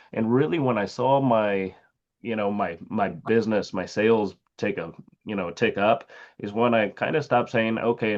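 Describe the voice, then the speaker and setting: Low-voiced man on a lo-fi call. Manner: hesitant, many fillers. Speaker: seed company sales agronomist presenting a webinar. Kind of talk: presentation with slides. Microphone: video call. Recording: lo-fi video call audio.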